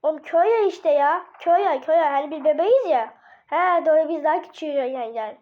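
A woman doing casual gaming role-play, voicing baby characters in excitable, slangy banter with herself. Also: high voice, fast. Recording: dull lo-fi mic.

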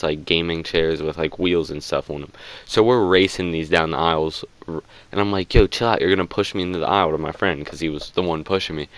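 A man's voice: low-pitched, a bit bright, clean tone, dry recording. A man telling a storytime tale in a casual, rambling way, with lots of filler words and swearing.

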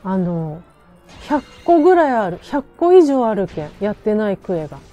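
A woman streams a game and chats playfully to herself in a western Japanese Chugoku dialect, with game music behind her. Her medium-pitched voice is very animated and warm, at a moderate pace, and the sound is lo-fi.

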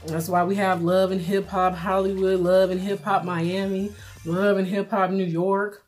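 A middle-aged woman giving casual, plainspoken vlog commentary while eating, pausing for bites and repeating phrases for emphasis. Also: mid-range voice, flat delivery, darkish tone, soft background music. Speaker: vlogger. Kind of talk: casual mukbang commentary chat.

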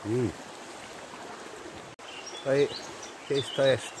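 Cooking at a riverside camp, this Scottish outdoor vlogger in his forties thinks aloud in casual chat to camera. He speaks very slowly in a medium-pitched voice, over the noise of a flowing river.

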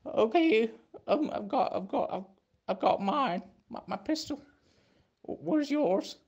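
A man's voice: very high-pitched, animated, a little slow, darkish tone, dull audio, exaggerated voice. A man voicing a timid, polite cowboy sidekick in a comic cartoon, hesitant and stammering. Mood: nervously agreeing. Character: timid, polite high-voiced cowboy sidekick, easily tempted.

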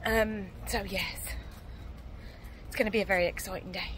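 A woman's voice: medium pitch, fairly even intonation, normal speed, noisy background. A woman filming a casual family vlog, chatting upbeat about breakfast with her kids in a large diner. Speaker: family vlogger and mother.

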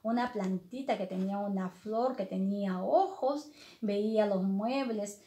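A middle-aged woman telling a story to young children, animated and addressing them by name. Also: mid-range voice, unhurried, reverberant.

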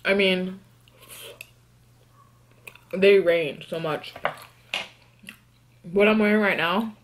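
A young woman from New York doing a casual eating vlog. She answers tag questions and hums between bites in a relaxed, chatty way. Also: mid-range voice. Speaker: mukbang vlogger.

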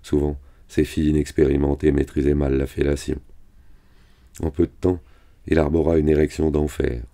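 A man reading a novel aloud in a steady, measured delivery. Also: rumbling low. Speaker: reader.

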